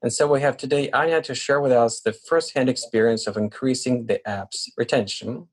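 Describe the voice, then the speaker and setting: A man hosting an interview podcast, measured and asking questions with brief "uh" fillers. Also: medium pitch, fairly even intonation. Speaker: podcast host.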